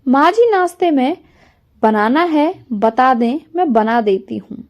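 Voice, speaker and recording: A woman's voice: sits high, animated, takes it slowly, highs cut off. A woman voicing a shy, dutiful young bride who speaks politely and eagerly in a storybook reading.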